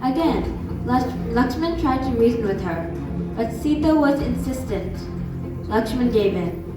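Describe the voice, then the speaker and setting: A woman narrating a scripted story for a stage dance drama in a clear, even reading voice. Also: a little high, a little slow. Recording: echoey hall from far off, music behind.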